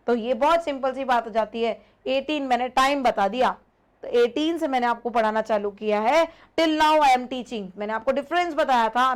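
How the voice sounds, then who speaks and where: A woman teaching an online English grammar lesson, explaining slowly, repeating points and calling her students "beta". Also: high voice.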